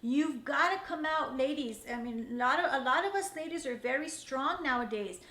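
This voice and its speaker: A woman's voice: high-pitched, expressive, normal speed, pushed and bright, echoey room. Earnest woman giving marriage advice. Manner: earnest, repetitive, addresses ladies directly. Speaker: host. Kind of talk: personal marriage advice talk.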